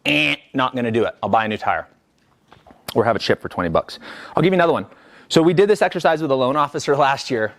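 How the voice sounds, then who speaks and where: Energetic man coaching a workshop group. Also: mid-range voice, quick pace. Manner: energetic, conversational, checks in with the group. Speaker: business coach. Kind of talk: live coaching workshop talk.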